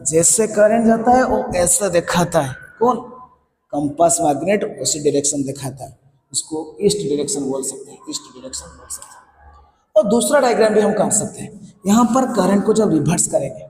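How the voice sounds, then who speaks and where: A man's voice: sits high, mellow, slight background noise. A man with an Indian English accent teaching a science class, repeating key points and quizzing students. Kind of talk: classroom lecture in Hinglish. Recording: echoey room with faint ambience.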